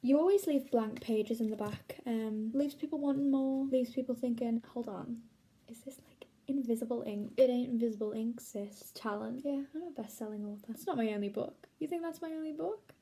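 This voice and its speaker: A young woman reading silly stories aloud in a mock-boastful, deadpan comic style, with playful voices for the characters. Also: fairly high pitch, fairly quick, slightly rough, low-quality recording. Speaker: comedic self-styled author reading her own stories.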